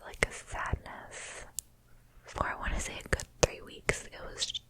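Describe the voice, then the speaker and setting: A woman rambles in a fully whispered ASMR style, all breath and no voice. Her pace is mostly slow, broken by fast whispered bursts. She softly repeats words and phrases over and over. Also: low-quality recording. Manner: whispering that shifts between quick bursts and slow, drawn-out phrases. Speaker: ASMR video creator.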